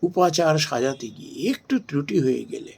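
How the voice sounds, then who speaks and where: A man giving a slow, measured devotional talk and chanting verses. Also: a little high, lively intonation, gravelly, a little mellow, husky. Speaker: spiritual speaker.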